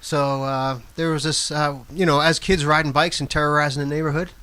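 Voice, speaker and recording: A man's voice: a little high, little pitch movement, brisk, bright, forceful tone, smooth. A man from a rock band telling stories in a casual interview, repeating words as he goes and chuckling. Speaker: band member.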